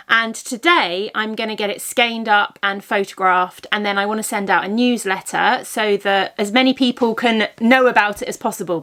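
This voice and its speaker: This woman in her thirties has a mid-range, fairly bright voice. Vlogging about her work as a yarn dyer, she chats in a loose, rambling way, stopping for ums and self-corrections, and sounds a bit congested from a cold that's also blocked her ear.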